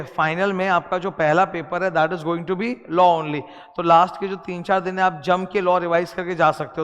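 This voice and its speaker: A man's voice: high-pitched, fairly bright tone. Indian man lecturing in a reverberant room. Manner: explains in mixed Hindi and English, addresses students directly. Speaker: law teacher. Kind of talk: classroom lecture.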